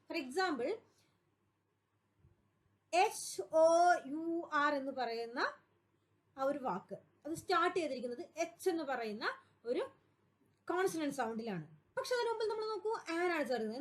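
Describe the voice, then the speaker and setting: A woman with a Malayali accent teaching English grammar for an exam class, patiently repeating points and answering her own questions. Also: sits high. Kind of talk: explanatory exam-prep lesson.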